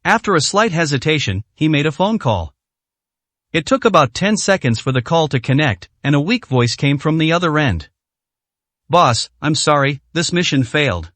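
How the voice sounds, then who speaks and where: A man narrating a translated novel in a steady, plain reading style. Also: on the high side, normal speed, no echo. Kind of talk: storybook narration.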